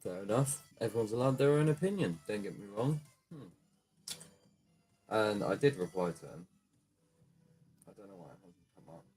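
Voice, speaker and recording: A man's voice: on the low side, sing-song, normal speed, long pauses, a little mellow, poor audio. A young man, a small gaming YouTuber, ranting casually to camera with lots of swearing and fillers. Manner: swears a lot, rambling with many fillers.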